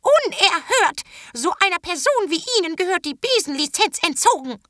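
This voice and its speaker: A woman voicing an indignant old witch grandmother who scolds in a shrill voice. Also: sing-song, normal speed, fairly bright tone, no echo, studio quality, heavily acted. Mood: outraged.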